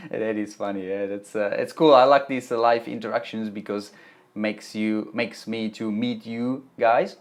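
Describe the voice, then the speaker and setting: A Czech man with a Czech accent answers chat during a live stream from his Melbourne home office, covering viewer questions on web development tutorials. Chatty, he reads messages aloud and frequently restarts sentences, his fairly low voice measured and fairly even in intonation.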